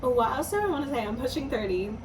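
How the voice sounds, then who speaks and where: A woman in her twenties, a musician talking slowly and thoughtfully in a personal vlog, often pausing and restarting her sentences. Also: high voice, sing-song. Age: 20s. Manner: slow, thoughtful, hesitant with restarts. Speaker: musician vlogger. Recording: slightly distant mic, faint background noise.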